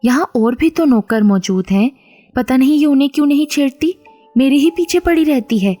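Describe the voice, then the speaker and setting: A woman's voice: on the high side, unhurried, dark tone, faint music behind. A woman reading the part of a touchy middle-aged male servant who complains indignantly.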